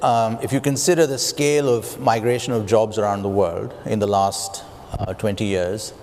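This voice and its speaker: A man on a conference panel giving a thoughtful, halting answer. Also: lowish voice, fairly even intonation, darkish tone. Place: large conference hall. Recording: reverberant hall with faint ambience.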